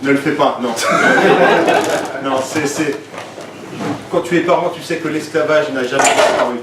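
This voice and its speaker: Stand-up comic, man, 40s, from Switzerland, quick asides, far mic in an echoey, noisy club. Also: medium pitch. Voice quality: lively, quick asides with laughs to the crowd. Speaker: stand-up comedian. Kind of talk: stand-up comedy set. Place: comedy club stage.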